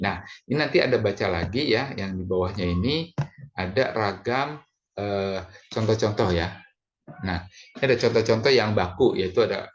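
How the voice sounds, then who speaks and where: A male lecturer with a deep, low voice talks through a classroom lesson in a loose, rambling way, leaning on fillers and tag questions. The recording is dull and lo-fi.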